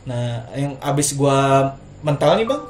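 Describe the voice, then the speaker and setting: A man, chatting casually about a haunted rental and quizzing his guest in fast slangy talk. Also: medium pitch. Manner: fast, slangy Jakarta street talk, lively asides. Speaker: interviewer. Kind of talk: casual storytelling chat. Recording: echoey room with music underneath.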